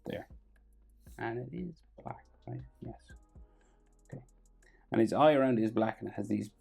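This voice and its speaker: Casual drawing tutor: husky, low-key mellow tone, halting think-aloud delivery. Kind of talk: casual step-by-step drawing instruction. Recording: background noise and music.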